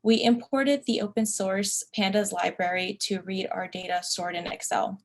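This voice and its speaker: A woman's voice: medium pitch, moderate pace. Woman reading a technical presentation. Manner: even, scripted explanatory delivery. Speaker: conference co-presenter. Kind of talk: read academic presentation.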